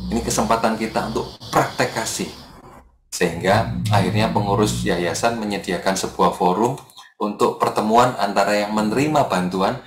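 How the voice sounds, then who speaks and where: A man preaching a casual morning sermon to his congregation, chatty and animated, acting out the people he quotes and dropping into soft murmured prayers. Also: fairly low pitch, roomy sound, slight background noise. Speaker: evangelist preacher.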